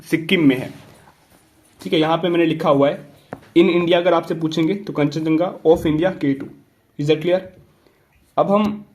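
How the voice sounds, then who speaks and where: A man's voice: on the high side, darkish tone. A young man teaching an exam prep lesson in a casual explaining style, often asking whether students have understood and switching between Hindi and English. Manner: repetitive checking questions, mixing Hindi and English.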